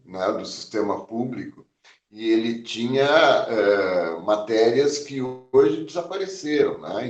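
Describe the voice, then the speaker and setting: A man in his sixties from southern Brazil, a physician calmly recounting his life in an oral history interview, with many small fillers. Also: lowish voice, echoey room, far from the mic, highs cut off. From Porto Alegre, southern Brazil. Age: 60s. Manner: measured, reflective, frequent "né?" and "eh" fillers.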